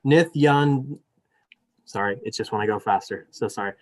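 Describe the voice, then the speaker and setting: A man's voice: lowish voice, monotone, fast. A young man, a student elections director, moderating a debate over a video call. He is apologetic and chatty with many fillers, then reads the rules formally. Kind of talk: moderating a live virtual debate.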